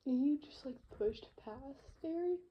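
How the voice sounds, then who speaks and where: A woman's voice: high voice, animated, a little slow, dull audio. A woman improvising a listener role-play story at home into a phone, rambling with many fillers and sometimes dropping into a whisper. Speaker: voice actor.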